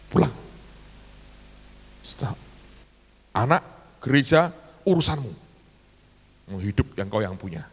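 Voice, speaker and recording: A middle-aged male pastor animatedly tells a story during a sermon, addressing the congregation as "saudara." His low voice is creaky with a breathy edge, and the sound carries the feel of a big room.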